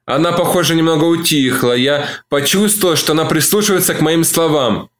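A man reading a novel aloud as an audiobook, narrating in the first person at a measured, calm pace. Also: on the high side.

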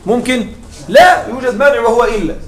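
A man teaching an Arabic grammar class. He keeps checking in with his students with short questions and slowly spells out his example phrases. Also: extremely high pitch, lively intonation. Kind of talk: classroom lecture. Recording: echoey room with faint noise.

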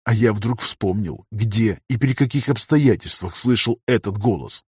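Man, audiobook narrator, first-person narration, measured, husky voice, dry close recording. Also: lowish voice, a little mellow, dry recording.

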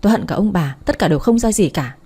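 A woman's voice: medium pitch, animated, fast, mellow, slightly rough. A woman reading an audiobook, voicing a spiteful, hysterical young woman hurling bitter accusations.

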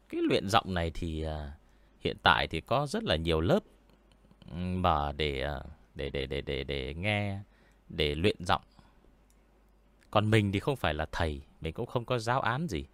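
A man with a deep voice, hosting a story-reading channel and chatting casually with viewers, unhurried and full of hesitant fillers. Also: fairly bright tone, dry recording. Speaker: horror story reader and channel host. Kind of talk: casual livestream chat answering viewers. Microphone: studio mic with pop filter.

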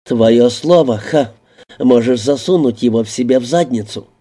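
A man voicing a defiant, frightened young woman in an audiobook reading, with sharp, indignant retorts. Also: mid-range voice, moderate pace, natural voice. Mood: distrustful.

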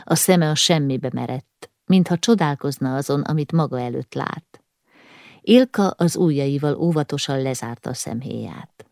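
A woman narrating an audiobook in measured, even storytelling, recorded on a close studio mic. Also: low voice, creaky, no room sound. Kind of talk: scripted narration.

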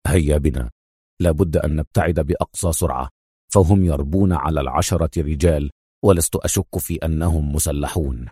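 A man voicing a calm, stern male lieutenant colonel who speaks in a low, firm, measured way. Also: slightly rough, no echo, clean studio sound.

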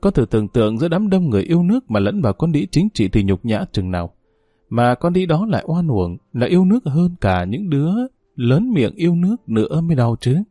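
A man voicing a weary, gentle aging father who speaks softly and consolingly to his daughter. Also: sing-song, fairly quick, dry recording, studio quality. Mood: bitter. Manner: soft, consoling, low-spoken.

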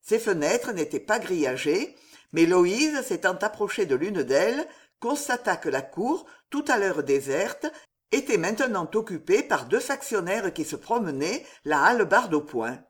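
Slow, expressive female audiobook narrator. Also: on the low side. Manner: expressive, dramatic reading. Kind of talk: scripted narration.

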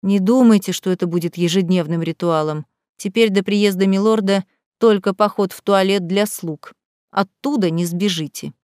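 A woman reading an audiobook, voicing a cold, contemptuous middle-aged male butler who speaks slowly and wearily. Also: medium pitch, darkish tone, no echo, studio quality, close to an everyday voice. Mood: weary scorn. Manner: slow, contemptuous, weary.

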